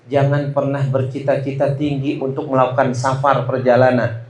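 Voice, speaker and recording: A man's voice: medium pitch, level tone, moderate pace, dull audio. A man preaching a sermon to a congregation, telling a story and often addressing listeners directly. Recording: roomy echo.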